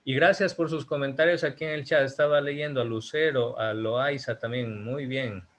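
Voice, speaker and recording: A man's voice: mid-range voice, steady tone, normal speed, fairly bright tone. A man from Ecuador, teaching an online class over a video call and speaking emphatically, putting rhetorical questions to his students.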